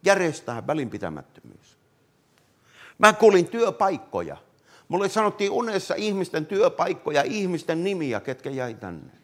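A man preaching a fervent revivalist sermon, swinging from loud calls to hushed words and often addressing listeners directly. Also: fairly high pitch, sing-song. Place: meeting hall.

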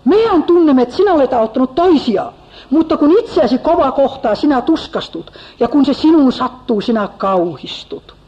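A woman's voice: high-pitched, animated, few pauses, mellow, pitched above the performer's own voice. A woman reading as a self-righteous biblical comforter. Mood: reproachful. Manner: reproachful, preachy. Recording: slightly dull lo-fi recording.

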